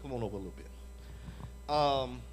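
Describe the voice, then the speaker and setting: A man's voice: mid-range voice, normal speed, slight background noise. A man preaching to a church conference audience, emphatic and repetitive, often asking them for an amen. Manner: emphatic, repeats phrases, calls for "Amen?" from the audience. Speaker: conference evangelism leader. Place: church hall before a live audience.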